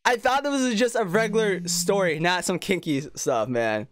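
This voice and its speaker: Music runs under this clip of a man with a high, animated voice at a moderate pace. As a streamer, he reads a visual novel aloud during a casual playthrough, reacting informally and with amused disbelief.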